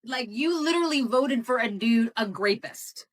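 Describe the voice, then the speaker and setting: A woman's voice: a little high, expressive, moderate pace, dry recording, poor audio. An American woman hosting a casual livestream conversation. She speaks bluntly and directly, with many fillers. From United States. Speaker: host.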